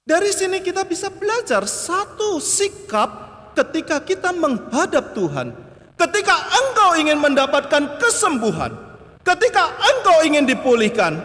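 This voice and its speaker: A man with an Indonesian accent delivers a Sunday homily in a large church with a high, lively voice. He speaks slowly and draws out his words, and the long reverb of the hall hangs on every phrase. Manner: lively preaching, acting out prayers and questioning the congregation. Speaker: priest. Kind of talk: homily at Mass. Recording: church reverb from a live broadcast.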